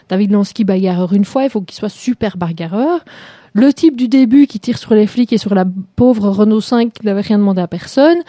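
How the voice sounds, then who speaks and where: This clean studio recording is dry and captures a woman of medium pitch with a mellow tone. She hosts a chat show and reviews a TV series, mocking it sarcastically and laughing often in a casual, critical conversation.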